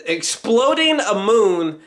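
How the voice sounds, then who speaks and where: Pitched high and a bit bright, this man's voice swings widely as he gushes like a geeky amateur film critic in casual conversation. His speech is halting and repetitive, full of swearing, stumbles back over phrases, and frequent chuckles.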